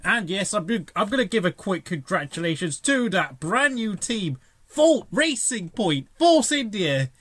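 A man's voice: sits high, sing-song, unhurried, hardly any pauses, a bit bright, breathy edge, no room sound. A man hosting an informal motorsport report with a sardonic way of talking. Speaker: host of a racing channel.

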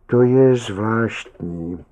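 A man voicing a weathered, middle-aged male lifeguard who speaks quietly and slowly. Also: medium pitch, highs cut off, close to an everyday voice. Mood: quiet, grave. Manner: quiet and slow.

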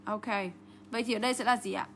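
A woman's voice: a little high, quick pace, creaky. Young teacher lady with going thru test answers, keeps asking "got it?", slight background hiss. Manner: lively, checks in constantly with rhetorical questions. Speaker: English teacher. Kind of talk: exam answer walkthrough lesson.

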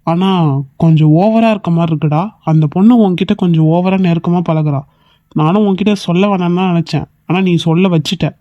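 A man doing a high-voiced mocking cartoon buddy. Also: a little fast, dark tone, no echo, muffled recording, lightly acted. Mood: ribbing. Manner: ribbing, scolding friend. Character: young male buddy, mocking and blunt. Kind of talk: cartoon skit voice acting.

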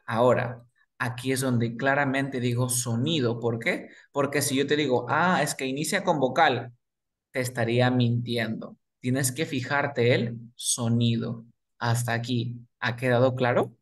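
Spanish-speaking man as a patient English tutor, unhurried, repeats words and quizzes the listener. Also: mid-range voice, steady tone. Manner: repeats words slowly, asks and answers his own questions. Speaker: English teacher. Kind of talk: explaining grammar to beginners.

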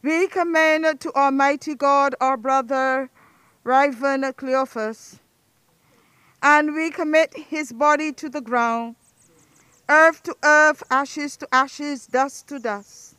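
Woman officiant at an outdoor graveside; high-pitched, unhurried, solemn recitation of burial prayers. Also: fairly even intonation, sharp tone, dry recording. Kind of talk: reading a funeral liturgy.

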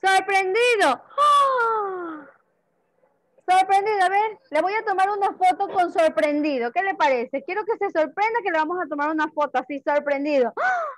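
A woman teaching an online class for young children, acting out emotions in a slow, sing-song way. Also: very high voice, lively intonation, dry recording. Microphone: video call. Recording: dull lo-fi video call audio.

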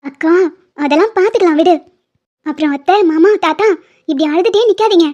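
A very high, mellow young woman in a cartoon drama jokes and teases her weeping family before her operation, voiced by a woman. She talks playfully and chattily, and the recording sounds dull and lo-fi. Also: a little fast. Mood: teasing. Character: young woman patient, joking bravely before surgery.

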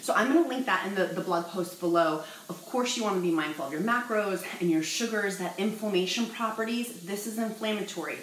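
In an echoey dining room at home, a woman with a medium-pitched voice jokes and chats bubbly to the camera for her cooking vlog, calling viewers y'all. The low-quality recording carries slight background noise.

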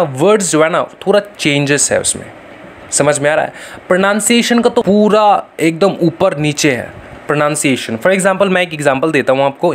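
A man's voice: fairly high pitch, a little hiss or hum. Chatty man teaching a class. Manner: chatty, repeats tag questions to students. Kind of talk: casual online lecture.

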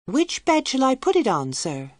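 A woman's voice: wildly swooping pitch, darkish tone, no echo, clean studio sound. Woman doing a polite young servant girl. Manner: polite, higher and slower.

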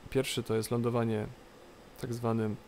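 A man with a gravelly edge narrates a game tutorial off the cuff. He explains haltingly, repeating phrases, over faint noisy cockpit ambience. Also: medium pitch, flat delivery, a little mellow. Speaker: tutorial presenter. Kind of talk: unscripted game tutorial commentary. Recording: light background noise, game cockpit ambience. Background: flight simulator cockpit ambience.

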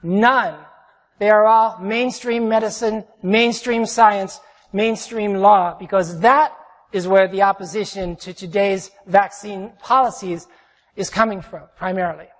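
A man's voice: high voice, fairly even intonation, measured pace, fairly bright tone. Man lecturing in a cave-like echo. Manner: rambling, emphatic, restarts often. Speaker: seminar speaker. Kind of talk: live seminar lecture. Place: large echoey lecture hall. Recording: echoey hall with long reverb.

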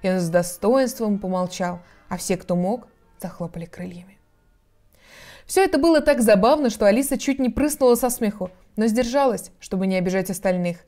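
A woman narrating a children's storybook in a calm, expressive, measured way. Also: medium pitch. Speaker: reader.

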